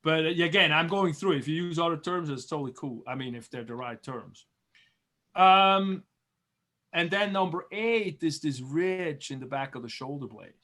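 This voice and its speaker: A man's voice: a little high, lively intonation, bright, forceful tone. Encouraging Swiss-raised male teacher. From Switzerland. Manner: encouraging, chatty, repeats terms slowly. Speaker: biology teacher. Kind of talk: online class review.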